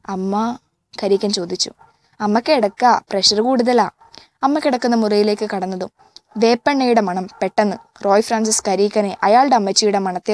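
A woman reading a novel aloud in a measured, even way, now and then stopping to correct a slip. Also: medium pitch, no echo. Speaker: audiobook reader.

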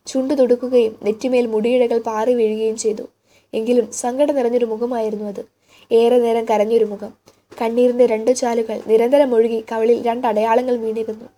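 A woman reading a literary novel aloud as an audiobook narrator, with measured, expressive storytelling. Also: on the high side.

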